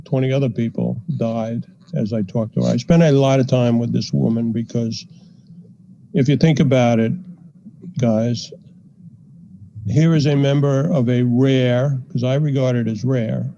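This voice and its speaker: An older man, a psychiatrist guest on a podcast, telling a story in a measured way with frequent fillers. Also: mid-range voice, fairly even intonation, creaky, mellow. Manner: measured, anecdotal, frequent "you know" fillers. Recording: dull lo-fi podcast audio.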